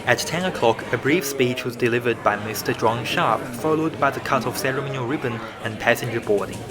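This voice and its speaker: Man narrating over loud music. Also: medium pitch, fairly quick. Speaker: flight review narrator. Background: loud background music.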